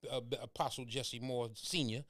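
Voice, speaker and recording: A man co-hosting a casual faith talk show, speaking with an emphatic, animated preaching cadence. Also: medium pitch, moderate pace. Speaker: co-host.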